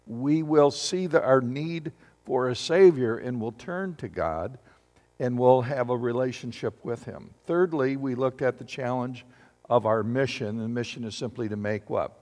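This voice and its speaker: A man delivers a sermon from the pulpit, his voice carrying a long reverb through a large hall. His pitch sits in an ordinary middle range, and he keeps turning to the congregation with questions. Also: unhurried, darkish tone. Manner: asks the congregation questions and calls for responses. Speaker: pastor.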